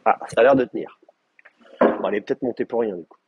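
A man gives a live university lecture in a classroom with both in-person and remote students. His mid-range voice has a breathy edge and a quick pace, his explanations come in hesitant, stop-start bursts with frequent restarts, and the recording is dry and lo-fi.

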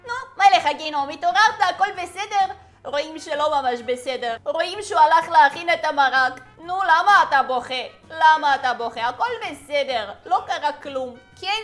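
A woman's voice: sits high, fairly bright tone. A young woman gaming YouTuber giving playful commentary over gameplay, teasing and scolding the characters in a chatty way.

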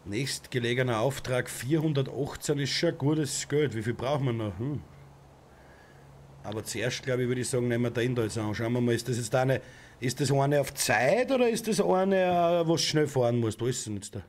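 A young man with an Austrian accent commenting on a driving game from his home setup, who often shouts and swears at other drivers. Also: mid-range voice, moderate pace, slight background noise. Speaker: gaming streamer. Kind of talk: let's play commentary. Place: home gaming room. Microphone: desk mic with headset.

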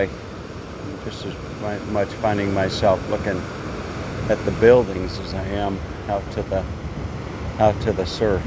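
An older American man walks along a beach and chats into a phone held at arm's length, rambling in an upbeat way. His voice sits on the low side. Loud crashing surf and wind roar behind him. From United States. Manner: rambling, upbeat, with many restarts. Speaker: vlogger giving a walking tour. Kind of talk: casual walk-and-talk commentary. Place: outdoors on an open beach at sunrise. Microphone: phone held at arm's length while walking.

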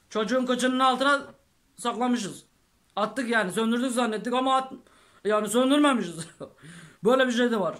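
A man's voice: very high-pitched, sharp tone. A man telling a rambling army story to his viewers, peppered with oaths and chuckles. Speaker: vlogger. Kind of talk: casual storytelling to camera.

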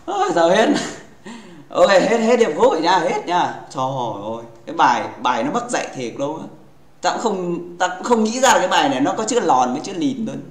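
A man's voice: high-pitched, big pitch swings, a little fast. Playful male streamer in echoey room. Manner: playful and teasing, joking with chat; rambling, with many restarts. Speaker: livestream gaming host. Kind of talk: casual livestream chat.

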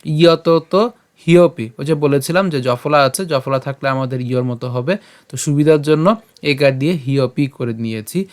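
A man teaching how to pronounce scripture verses, breaking words into syllables and chanting them slowly. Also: medium pitch. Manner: slow, syllable-by-syllable drilling of verses. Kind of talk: slide-based pronunciation lesson.

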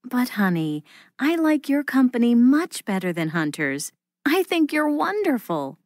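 A woman voicing a young woman soothing her boyfriend in a scripted textbook dialogue, slow and clearly articulated. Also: a little high, very animated, darkish tone, no room sound, studio quality, full character voice.

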